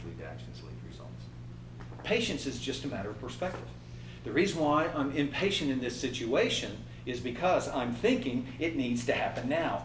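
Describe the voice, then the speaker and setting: Animated fifty-something man coaching a group. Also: mid-range voice, echoey room, far from the mic, a little hiss or hum, low-quality recording. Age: 50s. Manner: animated, acts out inner voices and laughs. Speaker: trainer. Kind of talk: motivational workshop talk.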